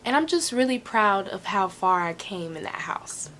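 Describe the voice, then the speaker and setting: A woman's voice: mid-range voice, big pitch swings, moderate pace, fairly bright tone, slight background noise. A woman answering viewer questions in a casual, candid way, repeating phrases for emphasis and swearing freely. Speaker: host of a Q&A.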